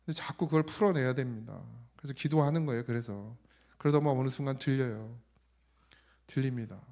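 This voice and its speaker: Korean pastor preaching a conversational sermon. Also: male voice, a little fast, gravelly, darkish tone. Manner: conversational preaching, quotes God in a lowered voice. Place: church sanctuary.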